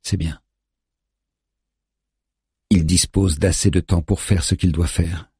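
A man reads a thriller audiobook in a steady, tense voice. His tone is very deep and rough, almost raspy, and it sounds close and dry with no room around it. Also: moderate pace, no echo. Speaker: audiobook narrator. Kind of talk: scripted thriller narration.

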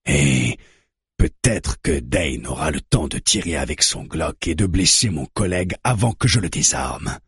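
A man voicing a calm, steady male police negotiator who reasons deliberately. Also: very deep voice, slightly rough, no room sound, clean studio sound, exaggerated voice.

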